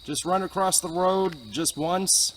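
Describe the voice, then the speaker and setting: A ghost-hunting host wanders a wooded road after dark, narrating casually and musing about ghosts in a low, fairly even, slightly slow voice, broken by loud calls out to spirits. Crickets and night sounds fill the background.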